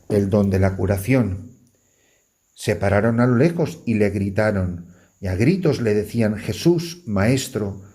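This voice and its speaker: A man's voice: on the low side, dark tone. A man preaching as a priest, earnest, with rising emphasis on key words and a faint music bed behind. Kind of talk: sermon.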